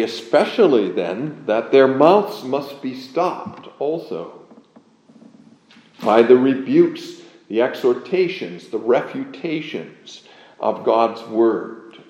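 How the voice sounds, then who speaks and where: Dark-voiced preacher in an echoey church. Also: male voice, medium pitch. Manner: earnest, measured, reads scripture aloud, emphatic on key words. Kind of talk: expository sermon. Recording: dull, echoey room sound.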